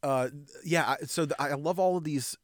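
A man co-hosting a podcast in casual chat, earnest and halting, restarting his sentences often. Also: a little high, no echo, studio quality. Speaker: podcast co-host.

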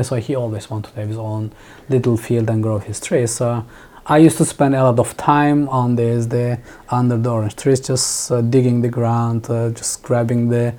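A man from Turkey with a Turkish accent, speaking English as a podcast guest in a relaxed, thoughtful way, often restarting his sentences. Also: mid-range voice. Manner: thoughtful, many restarts and fillers. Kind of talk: casual interview chat.

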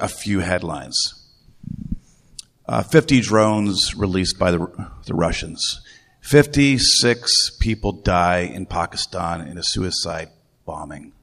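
A man's voice: deep voice, creaky, fairly bright tone. A man pastor preaching a conversational sermon, often repeating his phrases and putting questions to the congregation. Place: church. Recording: long reverb of a church hall.

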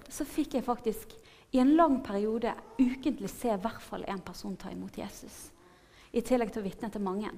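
A woman in her thirties giving a personal faith testimony in an earnest, animated way, often laughing and checking in with her listeners. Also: on the high side. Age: 30s.

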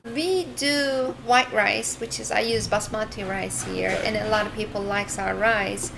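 Lively Turkish-accented woman, noisy background. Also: mid-range voice, a little slow, creaky. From Turkey. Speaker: restaurant owner. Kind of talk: interview. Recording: noisy location recording.

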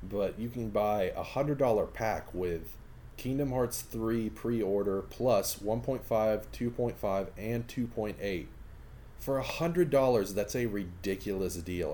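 A man with a very low, deep voice talks casually and frankly on a podcast. He sounds enthusiastic and swears now and then, with a faint hiss of noise behind him. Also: measured pace, warm tone. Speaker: podcast co-host. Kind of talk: casual gaming chat.

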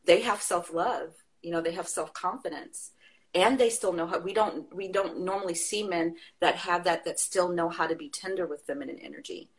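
Her voice lowish and her pace moderate, this woman is a guest in a relaxed chat. She makes her case through lively, passionate storytelling, breaking into laughter along the way.

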